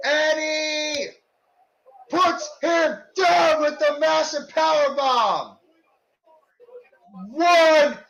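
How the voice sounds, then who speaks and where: A man working as a wrestling commentator, calling live play-by-play in an excited, exclaiming manner over a stream. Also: extremely high pitch. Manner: excited, exclaiming, shouting at big moves. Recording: dull lo-fi online stream audio.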